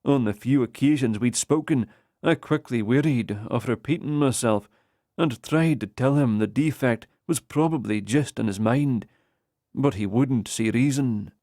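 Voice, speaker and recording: A man narrating an audiobook in the first person with slow, measured storytelling. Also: mid-range voice, dark tone, no room sound, clean studio sound.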